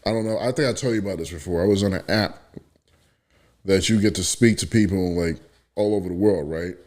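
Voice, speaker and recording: A man from the Bronx, New York, with a low voice talks a little fast as he hosts a casual podcast chat. He tells stories with lots of animation, acting out the voices of the people he quotes.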